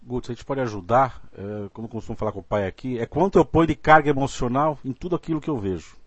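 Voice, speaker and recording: A man's voice: mid-range voice, no echo, dull audio. Man reading out viewer questions. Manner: reads questions aloud, polite and deliberate. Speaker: host relaying audience questions. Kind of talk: question reading, live discussion.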